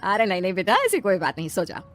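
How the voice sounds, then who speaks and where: Woman acting as gentle mother-in-law, reassuring, fast speech, faint music. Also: mid-range voice, huge pitch swings. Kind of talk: comic skit dialogue.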